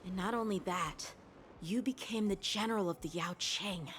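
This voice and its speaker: A woman playing a thoughtful, inquisitive warrior in a game, speaking in an earnest, measured way. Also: mid-range voice, slight background noise, close to an everyday voice. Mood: curious admiration. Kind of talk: dramatic game voice acting.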